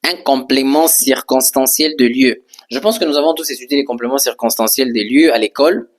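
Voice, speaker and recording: A man teaching English in French at a board, repeating and spelling out each word patiently, often pausing with hesitations. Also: medium pitch. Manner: slow, patient, repeats words and spells them out; frequent hesitations with "euh". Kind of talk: French-language English lesson at a whiteboard.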